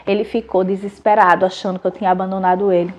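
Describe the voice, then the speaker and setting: A Brazilian woman in her thirties, a mother and channel host, telling a family story in a casual, animated, chatty way with many restarts. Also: medium pitch, quick pace, dull audio. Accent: Brazilian Portuguese.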